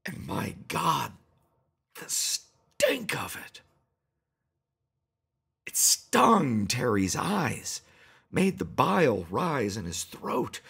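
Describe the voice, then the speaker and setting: A man narrating a horror story in a measured, deadpan way. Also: medium pitch, gravelly, breathy edge.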